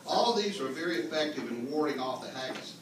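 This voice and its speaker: Over crowd noise, a fast-talking man with a fairly high, animated voice delivers a comic mock history as a lecture at a clan gathering. His explanations are mock-earnest and laced with folksy asides. He's indoors before a live audience, and the distant mic catches heavy room echo and faint noise.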